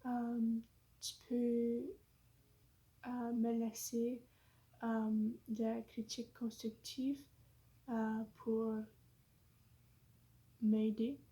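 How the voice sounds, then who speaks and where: A woman's voice: fairly high pitch, level tone, very slow, long pauses, mellow. Hesitant woman with an English-influenced French accent. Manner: hesitant, searching for words, many fillers; apologetic, self-conscious. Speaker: vlogger. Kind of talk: casual vlog monologue.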